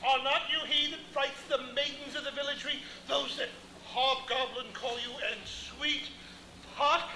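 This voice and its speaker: A man's voice: very high-pitched, steady tone, normal speed, pushed and bright, full character voice. A man playing a curious, teasing fairy attendant, projecting his lines in Shakespearean stage style. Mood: teasing curiosity. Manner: projected theatrical recitation. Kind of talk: outdoor stage performance of Shakespeare. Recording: echoey outdoor theatre, faint noise.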